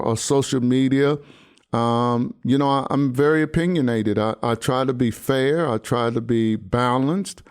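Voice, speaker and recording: A man in his sixties, a pastor hosting a podcast, speaking earnestly in a halting way with many fillers and restarts. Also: medium pitch, smooth. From United States. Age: 60s. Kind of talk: personal commentary monologue.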